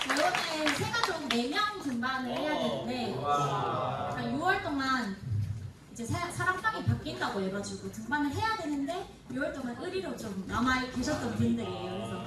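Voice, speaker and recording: A woman hosts a church youth event with playful energy. Her voice is high and very animated, bouncing up and down. She is heard through a PA mic from afar in an echoey hall, with loud music and a crowd behind her. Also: recorded from a distance. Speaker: event host. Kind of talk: lively casual announcements.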